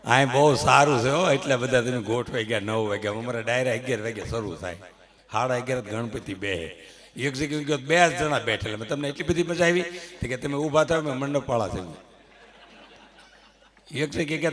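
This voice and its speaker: A man's voice: medium pitch, a little fast, a bit bright. A middle-aged man telling jokes and stories on a live stage mic and leading the audience in applause. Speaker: stand-up comedian on stage. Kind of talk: live folk comedy monologue. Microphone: stage microphone.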